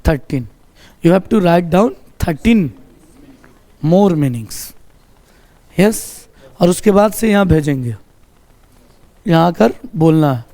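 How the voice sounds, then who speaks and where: A man's voice: high voice, darkish tone. A man teaching a class, drilling vocabulary and quizzing students, saying each word again and again. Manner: repeats words slowly, quizzes the students. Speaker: English teacher.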